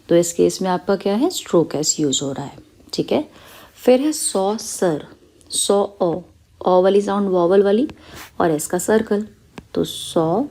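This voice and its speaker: A woman teaching stenography, explaining each shorthand word step by step and checking in with "clear" and "theek hai". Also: lowish voice, warm tone.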